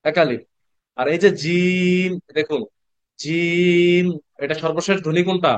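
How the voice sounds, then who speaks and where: A man teaching Quran reading in an online class, patiently repeating letter sounds slowly and asking the class questions. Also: high voice, fairly even intonation, smooth, dry recording. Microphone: computer mic on a video call.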